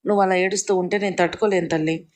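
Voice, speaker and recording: A tender middle-aged man soothes a crying girl, speaking softly on a narrow, flat pitch. A narrator puts him on in a plain storybook reading. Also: very fast, close to an everyday voice.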